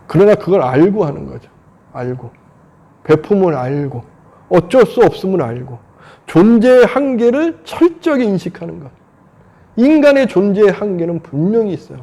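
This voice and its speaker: A man's voice: a little high, vocal fry, warm tone, breathy edge. A man in his fifties, a Buddhist monk, giving an earnest, conversational dharma talk full of rhetorical questions. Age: 50s.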